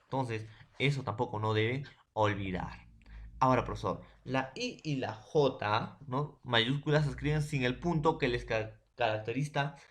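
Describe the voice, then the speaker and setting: A man's voice: mid-range voice, measured pace, a bit bright. A man with a Peruvian accent teaching a secondary school language lesson, speaking in a repetitive way with frequent tag questions. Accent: Peruvian Spanish. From Peru. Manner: repetitive, keeps adding tag questions and "profesor". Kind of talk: remote class lecture.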